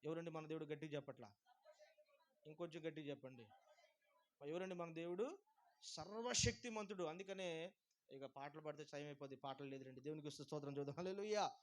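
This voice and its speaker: Fast high-voiced preaching pastor. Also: male voice. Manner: preaching with rising shouted repetitions and calls for praise. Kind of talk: sermon.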